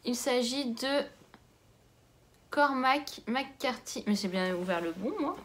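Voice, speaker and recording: A young woman chatting casually as she unboxes a book swap, gushing over each gift and muttering softly to herself in between. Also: a little high, animated, slow pace, a little hiss or hum. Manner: gushing, exclamatory. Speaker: book vlogger.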